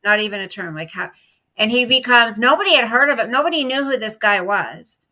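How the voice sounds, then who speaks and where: A woman's voice: fairly high pitch, lively intonation, a little fast, sharp tone, rough recording. A middle-aged woman co-hosting a casual political chat at home, talking in an emphatic, indignant way and repeating her points. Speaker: co-host. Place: at home, live stream.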